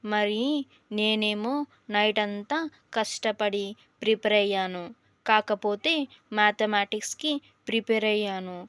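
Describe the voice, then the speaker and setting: A woman's voice: medium pitch, flat delivery, measured pace, pauses often, fairly bright tone, smooth, no room sound, close to an everyday voice. Woman voicing a melodramatic sulky student girl. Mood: melodramatic whining. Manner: whiny, melodramatic pleading. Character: dramatic young female student, sulky and tearful.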